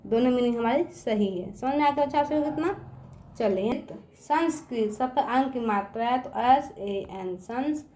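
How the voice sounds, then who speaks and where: Woman teacher, high voice, slow letter-by-letter spelling, keeps checking the kids understand, roomy echo. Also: dark tone, a little hiss or hum. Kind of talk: children's spelling lesson.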